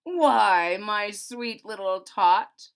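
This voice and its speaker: A woman voicing the sly, gloating, wicked Grinch from a storybook, with a smug, drawn-out, theatrical delivery. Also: mid-range voice, animated, smooth. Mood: falsely sweet. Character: sly, gloating, wicked male Grinch who lies sweetly.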